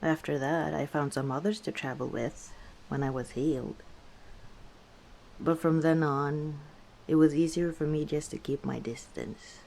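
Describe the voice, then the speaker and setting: A woman voices a battle-scarred orc tavern keeper opening up about her past in an intimate ASMR roleplay, sounding weary, hurt and guarded yet gently wry. Her gravelly voice is low for a woman, unhurried and reflective, broken by hesitant pauses and soft chuckles. The rough recording carries slight background noise.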